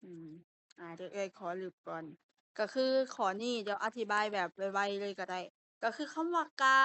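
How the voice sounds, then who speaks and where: A woman's voice: on the high side, bright, forceful tone, no echo. A young woman tutoring a language class online, explaining step by step, repeating key terms and correcting herself aloud.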